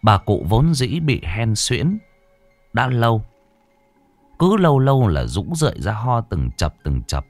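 A man's voice: mid-range voice, sing-song, measured pace, darkish tone, dry recording, soft background music. A man narrating a horror story in a dramatic, suspenseful way.

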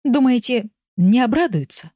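A woman voicing a mischievous young male raccoon who wails in a high, drawn-out voice. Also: expressive, dark tone, no echo, studio quality, natural voice. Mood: petulant.

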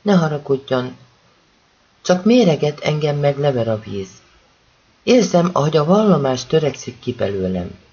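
A man reading a novel aloud as an expressive first-person narration. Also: fairly high pitch, husky, highs cut off. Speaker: audiobook reader.

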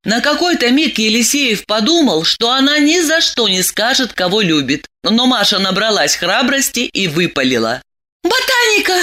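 A woman narrating an audiobook story in a lively, expressive way. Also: on the high side, normal speed, hardly any pauses.

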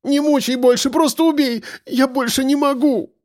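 A man voicing a frightened young woman who pleads with her captor, high and strained, tearful. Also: animated, normal speed, darkish tone, no room sound, studio quality. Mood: desperate. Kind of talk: audiobook character voice.

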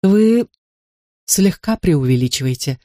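Narrator playing Chrestomanci-type enchanter, polite, wry, drawn-out teasing, dry sound. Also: medium pitch, lively intonation, dry recording. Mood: amused. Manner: polite, unhurried, gently mocking. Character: calm, wry, powerful enchanter. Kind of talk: audiobook character voice.

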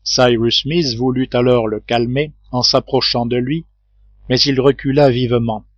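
A man's voice: mid-range voice, fairly even intonation, unhurried, no room sound. Man narrating a classic novel, dry sound. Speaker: audiobook narrator. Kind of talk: audiobook reading of a classic novel. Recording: dry, slightly dull home recording.

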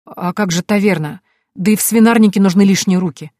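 A woman's voice: lowish voice, fast talker, darkish tone, no room sound, clean studio sound, lightly acted. Woman doing an eager young servant man. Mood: flustered. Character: cheerful young male servant, loyal.

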